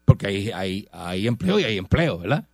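A man's voice: on the low side, big pitch swings, normal speed, a little mellow, breathy edge, no echo, studio quality. A middle-aged man with a Puerto Rican accent hosting a radio show in casual, emphatic banter, full of rhetorical questions.

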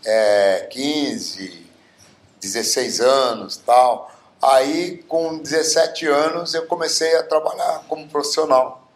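A man's voice: medium pitch, fairly even intonation, slow pace. A man in his seventies from Bauru, Brazil, telling stories as a guest, with many fillers. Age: 70s. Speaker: guest singer. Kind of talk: casual interview storytelling. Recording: roomy echo.

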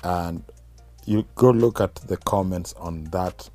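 A man's voice: low voice, takes it slowly, mellow. A man with a Kenyan accent talking casually and reflectively as a guest musician in an interview.

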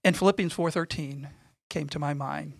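Middle-aged man, earnest, measured, repeats phrases for emphasis, gravelly, dry sound. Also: a little high, fairly even intonation, no room sound. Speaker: guest speaking on faith and suffering. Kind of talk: conversational testimony.

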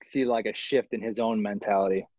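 A man's voice: on the low side, fairly even intonation, a little fast, darkish tone, muffled recording. A man co-hosting a casual interview, asking short, curious follow-up questions.

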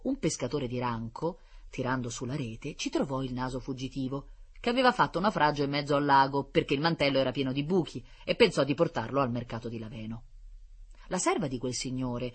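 A storyteller reading a children's fable aloud in an expressive, lively manner. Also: medium pitch, breathy edge.

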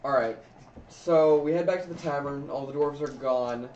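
A man's voice: on the high side, normal speed, a little mellow, a little hiss or hum. A man narrating a tabletop game as game master, in a casual, rambling way. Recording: roomy, distant, dull recording.

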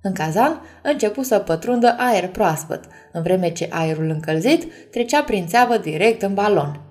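A woman reading a bedtime story aloud, gently addressing the children listening. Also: mid-range voice, expressive, soft background music.

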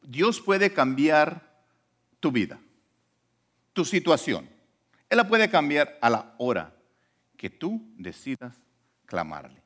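A male pastor delivers a sermon in a conversational way, putting questions to his listeners. His voice is very animated, rising sharply for emphasis and falling back to quiet asides. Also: a little high, slow, long pauses. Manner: conversational, asks the congregation questions.

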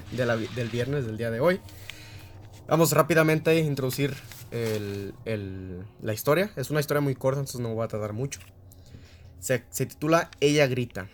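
A man's voice: medium pitch, a little hiss or hum. A man hosting a radio show, telling a short spooky story with dramatic repetition and casual fillers.

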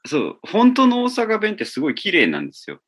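A man's voice: high voice, wildly swooping pitch, fairly quick, a bit bright, breathy edge. A man with a Kansai accent, co-hosting a podcast and telling easygoing anecdotes in casual chat. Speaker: podcast co-host.

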